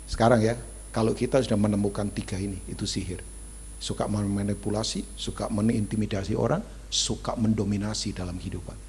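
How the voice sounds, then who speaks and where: A man preaching a sermon as a pastor, animated and acting out quoted voices as he tells a story. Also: fairly low pitch, brisk, a little hiss or hum. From Indonesia.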